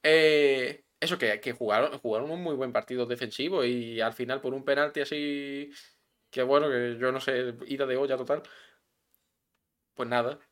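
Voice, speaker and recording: A man's voice: medium pitch, fairly even intonation, normal speed, fairly bright tone. A man from Melilla with a Melilla Spanish accent, co-hosting a podcast in casual, insistent chat. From Melilla, Spain. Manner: heated, insistent about football. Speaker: podcast co-host.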